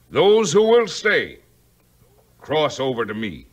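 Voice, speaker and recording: A man's voice: mid-range voice, heavily acted. A man playing a resolute army colonel, speaking in a formal, declamatory way in a 1950s radio-style adventure. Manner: declamatory, clipped, commanding.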